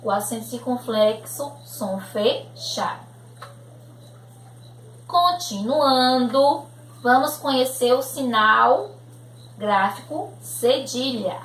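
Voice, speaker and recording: A woman's voice: on the high side, lively intonation, a bit bright, a little hiss or hum. A woman teacher with a Brazilian accent, patiently explaining a grammar lesson for young children and often checking that they follow. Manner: slow, patient, checks in with "né?" and "tudo bem?". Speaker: primary school teacher. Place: room at home. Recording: echoey room recording.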